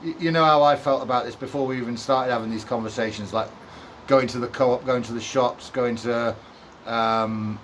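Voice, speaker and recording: A man's voice: medium pitch, a little hiss or hum. A man chatting casually with a colleague, asking questions in easy, slangy speech. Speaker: co-host. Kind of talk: casual chat.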